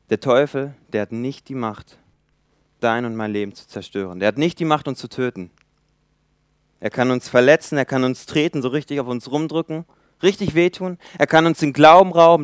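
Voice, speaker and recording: A man in his twenties preaching a sermon in a church, emphatic, swinging between loud appeals and quiet asides. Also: mid-range voice, clear, resonant tone, no room sound, studio quality. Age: 20s.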